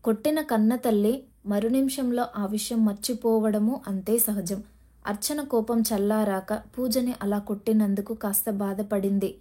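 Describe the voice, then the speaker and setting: A woman reads a family drama aloud as scripted storybook narration. Her voice sits in a middle register with a mellow, warm tone. She keeps a measured, even delivery. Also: medium pitch. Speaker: audiobook narrator.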